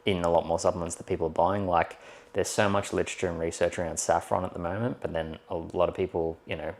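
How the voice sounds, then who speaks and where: A man's voice: deep voice, little pitch movement, fast talker. A man talks through health topics on a casual podcast. He rambles a little, piling up fillers as he explains. His tone stays easygoing and conversational. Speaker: podcast co-host.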